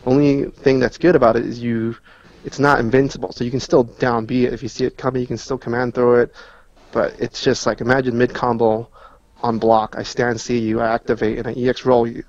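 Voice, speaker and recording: As a guest on a gaming podcast, a man casually analyzes games, explaining moves in dense player jargon. His voice is medium-pitched, brisk, slightly mellow and fairly flat, captured in dull lo-fi audio in a roomy space.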